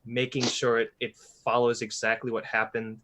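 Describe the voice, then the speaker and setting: Podcast host guy, ordinary mid voice, blunt and animated, swears a lot. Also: medium pitch, moderate pace, a little hiss or hum. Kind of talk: casual podcast chat.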